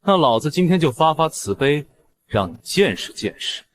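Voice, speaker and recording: A man's voice: on the high side, sing-song, moderate pace. An actor playing a swaggering young male fighter who mocks his foes in a coarse way. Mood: cocky. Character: cocky brawler man, a body cultivator.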